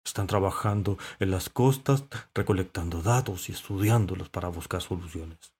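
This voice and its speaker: A man narrating a children's story in an expressive, calm way. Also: deep voice, moderate pace, husky.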